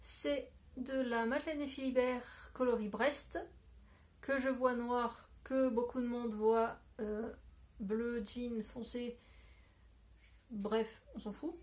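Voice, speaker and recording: A woman's voice: a little high, steady tone, slow. A woman talking casually to her phone camera at home as a knitting podcaster, rambling with many fillers and self-corrections. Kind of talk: casual video chat. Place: at home, indoors.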